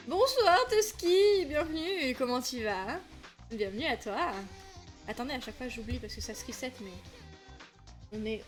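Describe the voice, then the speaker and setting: A woman streamer from south-west France chats loosely and casually, her talk full of fillers and restarts. Her voice sits a little high for a woman. Soft music plays faintly behind her. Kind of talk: casual livestream chat.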